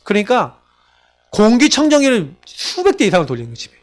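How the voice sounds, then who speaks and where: A man's voice: sits high, fast talker. A male pastor preaching a sermon in a church, asking his congregation question after question. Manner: animated, asks the congregation rhetorical questions.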